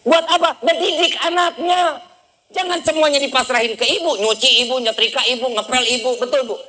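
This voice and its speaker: A male preacher, giving a lively sermon and teasing the congregation with quick questions. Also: extremely high pitch, poor audio.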